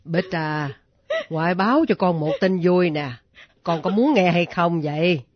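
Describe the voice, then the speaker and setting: A woman voicing a stern elderly grandmother who scolds gruffly, in a radio drama. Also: lowish voice, unhurried, dry recording, dull audio. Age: older.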